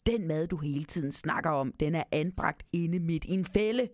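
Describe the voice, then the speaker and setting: A woman's voice: sits low, a little mellow, no echo, studio quality, natural voice. A woman voicing a clever, bossy male Christmas elf who scolds a mouse, in a storybook reading. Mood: scolding.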